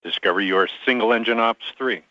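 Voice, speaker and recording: A man's voice: on the low side, fast talker, sharp tone, no echo. A man working as capsule communicator at mission control, giving clipped procedural callouts over a radio communicator link. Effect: radio transmission, like a communicator link. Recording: dry, dull lo-fi radio channel.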